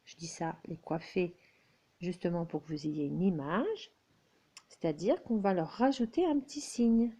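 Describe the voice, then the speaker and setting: A native French speaker with a lowish, expressive, mellow voice teaches beginners at a whiteboard, speaking slowly and patiently and often checking in with "d'accord?". She is recorded on a handheld camera.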